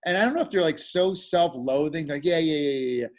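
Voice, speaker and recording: A male comedian in casual chat, animated, acting out audience members with plenty of swearing. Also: fairly high pitch, quick pace.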